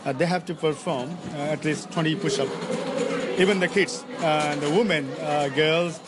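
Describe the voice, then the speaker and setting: A man, a taekwondo instructor, explaining his class at a sports centre, halting with many fillers. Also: a little high, steady tone. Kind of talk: casual interview. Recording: crowd noise behind, voice a little distant.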